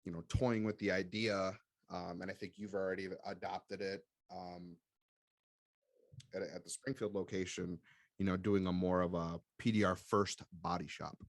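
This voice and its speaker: Man, very low pitch, hesitant, casual business podcast talk, dry sound. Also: flat delivery, normal speed, no room sound. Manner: hesitant, many restarts and fillers. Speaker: business owner co-hosting a podcast.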